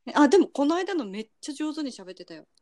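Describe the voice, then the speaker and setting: A woman's voice: sits high, very animated, fast, darkish tone. A young woman co-hosting a casual chat over a call, chatty and laughing often. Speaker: podcast co-host. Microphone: remote call recording.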